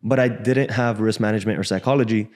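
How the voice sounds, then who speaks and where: A man's voice: on the low side, quick pace. Frank young man telling his story. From Cuba, raised in Miami. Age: 20s. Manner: relaxed, frank, casual slang. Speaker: guest trader. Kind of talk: casual interview storytelling. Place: podcast studio, indoors. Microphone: desk boom mic.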